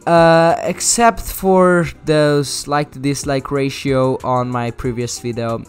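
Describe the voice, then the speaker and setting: A man's voice: medium pitch, fairly even intonation, slow pace, smooth, faint music behind. A young man hosting casual comedic commentary, joking crudely and rambling. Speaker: commentary YouTuber.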